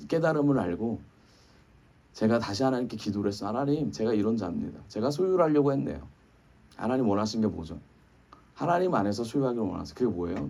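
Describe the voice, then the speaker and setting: Man preaching lively, from a distance. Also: medium pitch. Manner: conversational preaching with rhetorical questions. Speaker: pastor. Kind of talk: sermon. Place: church sanctuary.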